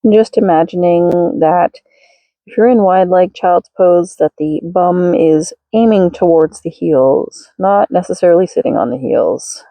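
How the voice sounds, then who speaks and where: A woman yoga instructor leading a slow, gentle class in a careful, unhurried way. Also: on the low side, no echo, poor audio.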